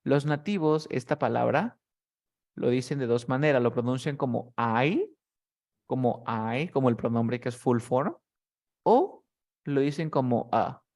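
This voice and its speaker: An animated but unhurried man, his mid-range voice a little mellow, teaches English pronunciation to one student via video call. He explains patiently in steps and often pauses to confirm his student follows, asking things like "¿cierto?".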